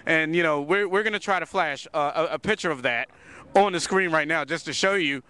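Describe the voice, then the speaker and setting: A man hosts a loose, chatty talk show from a city park, restarting and repeating words as he goes. His voice is bright, crisp and sits somewhat high. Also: a little fast. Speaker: host. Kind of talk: casual outdoor talk show.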